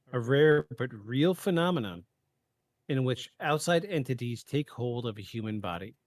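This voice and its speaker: Dry, measured man narrating a podcast. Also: medium pitch, no room sound. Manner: reads a prepared script in a measured way, with stumbles and asides. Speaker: podcast host. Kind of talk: scripted narration of a paranormal case.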